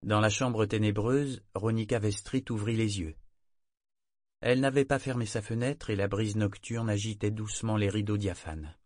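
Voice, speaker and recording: Man, audiobook narrator, low voice, dry close recording, measured delivery. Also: steady tone, dry recording. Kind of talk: scripted novel narration.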